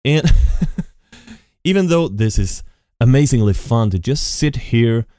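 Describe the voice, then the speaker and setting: Rambling off the cuff in a solo podcast episode, this host keeps restarting and stringing together "and" after "and". His medium-pitched, mellow voice is slow but lively in intonation. He records at a home computer on a studio podcast mic with effects, and the sound is dry and studio quality.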